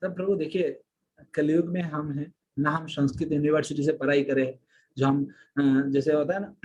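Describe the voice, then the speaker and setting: A man's voice: a little high, poor audio. Man teaching with chanted verses. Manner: explains patiently, chants verses in a slow sing-song. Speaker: presenter teaching shloka memorisation. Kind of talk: devotional teaching talk.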